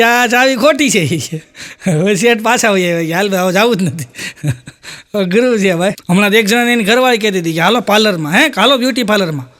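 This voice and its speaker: A man telling stand-up jokes, acting out the characters' lines in a higher voice. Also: fairly bright tone. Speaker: stand-up comedian.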